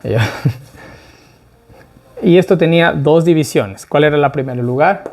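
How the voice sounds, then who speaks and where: A man leading a relaxed Bible study. He speaks in a fairly high voice and keeps checking in with his listeners as he goes. He slows down deliberately on the words he wants to stress. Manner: conversational, asks the group questions, tag "¿ya?". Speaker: Bible teacher.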